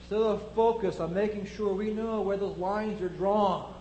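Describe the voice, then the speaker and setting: High-voiced man preaching in an echoey room. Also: steady tone, moderate pace, dark tone, a little hiss or hum. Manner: reflective, building rhetorical questions. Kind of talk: sermon.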